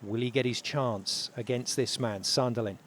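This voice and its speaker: A man commentating on tournament golf, building drama in short, measured phrases. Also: medium pitch, fairly even intonation, a little hiss or hum.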